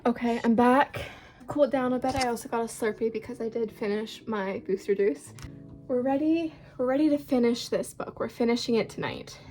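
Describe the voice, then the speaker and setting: A woman's voice: a little high, normal speed, darkish tone, soft background music. A young woman, rambling casually through a storytime chat at home, with lots of filler words and swearing. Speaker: book vlogger.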